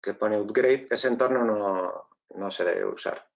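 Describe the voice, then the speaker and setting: A gravelly, low-ish male voice, a bit slow, presents an online tech tutorial with a Spain Spanish accent, breaking things into steps and often checking on the audience. The highs are cut off.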